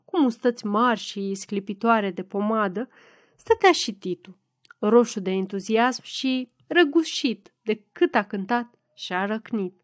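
A woman's voice: mid-range voice, lively intonation, no echo, clean studio sound. A woman reading a novel aloud as an audiobook narrator, in a dramatic reading style. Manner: dramatic reading, loud in quoted shouts.

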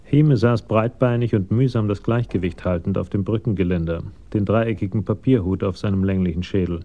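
A man narrating a radio crime drama in a measured, matter-of-fact way, on a slightly dull 1980s broadcast recording. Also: on the low side, mellow.

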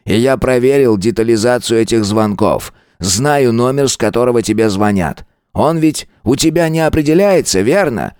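A man's voice: medium pitch, expressive, moderate pace, darkish tone, clean tone, dry recording, studio quality, pitched above the performer's own voice, close to an everyday voice. A man voicing a stern older husband who speaks curtly and mockingly to his wife. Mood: cold. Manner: curt, cold, mocking.

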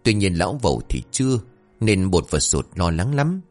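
A man tells a comic folk tale with animated, expressive delivery. His voice sits low but swings widely in pitch as he narrates. Faint music plays behind him. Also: moderate pace. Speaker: storyteller.

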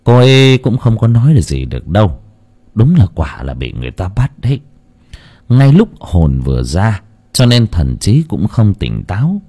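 A man's voice: fairly low pitch, big pitch swings, dark tone, husky, heavily acted. A man doing a solemn Buddhist monk. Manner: solemn, measured chanting tone.

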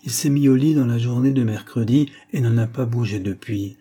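A man's voice: mid-range voice, a little fast, dark tone, lightly acted. A man reading an audiobook, voicing an anxious, deferential elderly landlady. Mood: worried. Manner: anxious, respectful.

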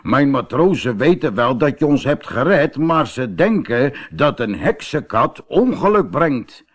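Male narrator as a gruff but gentle storybook ship captain, firm and slow. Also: mid-range voice, sing-song. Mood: kind.

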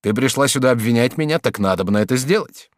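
A man's voice: mid-range voice, lively intonation, fast, dry recording, studio quality, lightly acted. A man voicing a brash, scheming young man who talks in a pushy, impatient way. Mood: insistent.

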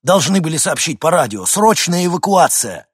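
A man reading an audiobook plays a panicked middle-aged helicopter pilot who shouts his warnings in a hoarse, breathless rush. The husky voice strains high and loud with desperation. It is close and dry, with no room sound. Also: very animated, a little slow, dry recording, heavily acted. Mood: desperate shouting.

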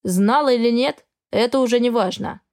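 A woman voicing a cold, arrogant male dragon husband who speaks in a flat, indifferent tone. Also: on the high side, moderate pace, lightly acted.

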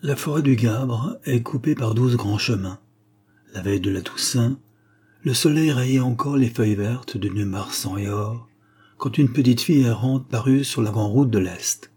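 A man narrating a classic literary tale in a measured, calm storytelling manner. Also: medium pitch, husky. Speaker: audiobook narrator.

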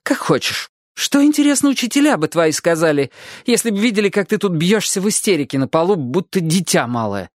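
A stern, brisk elderly grandmother, voiced by a man reading a storybook. She scolds in short, impatient bursts, her pitch lifted well above the reader's own and swinging widely. The recording is close and dry, with no room sound. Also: sing-song, dry recording. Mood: scolding.

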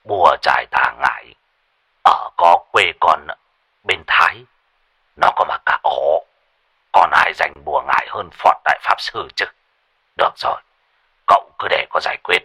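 A man voicing a boastful, impatient older male exorcist who shouts in a panic. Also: extremely low pitch, moderate pace, vocal fry, pauses often, slightly rough, pitched below the performer's own voice, exaggerated voice. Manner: frantic shouting, some lines from farther off.

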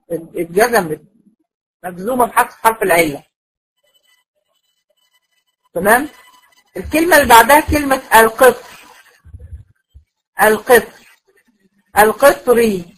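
A woman's voice: fairly high pitch, expressive, brisk, breathy edge, rough recording. A woman with an Egyptian accent teaching Quran recitation, explaining patiently, repeating her points and asking the class checking questions. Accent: Egyptian Arabic. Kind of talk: classroom lecture.

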